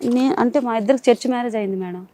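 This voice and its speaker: A woman's voice: a little high, very fast, warm tone, slight background noise. A woman telling a panel of counsellors about her marriage, in a rambling, polite way. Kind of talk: emotional account to counsellors.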